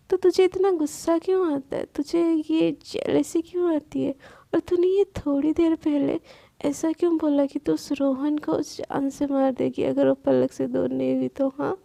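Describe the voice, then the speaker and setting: A woman voicing a young male best friend who talks calmly, teasing and reassuring. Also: high voice, vocal fry, no echo.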